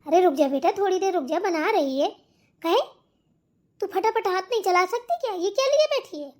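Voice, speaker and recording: A woman's voice: very high voice, lively intonation, moderate pace, a little mellow. A woman voicing a bossy, scolding older mother-in-law in a cartoon. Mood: nagging. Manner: nagging, scolding. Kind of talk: cartoon voice acting.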